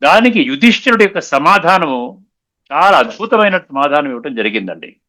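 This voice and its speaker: A man giving a spiritual discourse, explaining patiently, slowing down on key sayings and often checking that listeners understood. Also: fairly high pitch, very animated, pushed and bright. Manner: mixes English words into his talk; repeats and slows down on key sayings. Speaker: spiritual lecturer.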